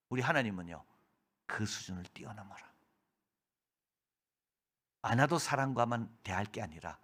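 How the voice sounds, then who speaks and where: A man's voice: medium pitch, slightly rough. A middle-aged man preaching a sermon as a pastor, acting out quoted voices and sometimes dropping to a whisper for emphasis.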